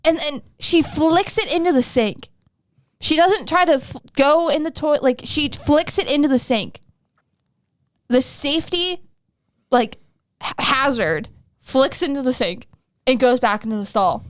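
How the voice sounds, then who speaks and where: A woman in her twenties, a podcast co-host, telling a story in casual chat, rambling and animated with lots of "like". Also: sits high, measured pace, long pauses, no echo. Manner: animated, rambling, heavy use of "like".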